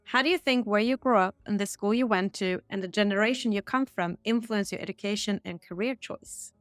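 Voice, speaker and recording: A woman hosting a podcast, reading set interview questions in a steady, bright tone. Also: mid-range voice, a little fast, no echo, soft background music. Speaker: podcast host. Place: Stockholm.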